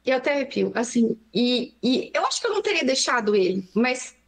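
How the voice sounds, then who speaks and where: A young adult Brazilian woman, a pediatrician, recounting a frightening story in an interview with fast, emotional narration. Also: a little high, sing-song, creaky. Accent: Brazilian Portuguese. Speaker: pediatrician guest.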